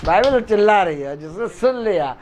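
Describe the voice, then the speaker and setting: A man preaching a fiery sermon at a home gathering, shouting and repeating lines for emphasis. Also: sits high, lively intonation, a little fast, heavy background noise.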